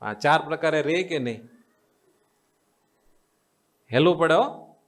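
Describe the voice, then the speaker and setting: A man's voice: on the high side, expressive, takes it slowly. Man, Gujarati accent, swami, devotional sermon, call-and-response with audience, repetitive coaxing delivery. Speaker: swami giving a religious discourse. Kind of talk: devotional sermon to a live assembly.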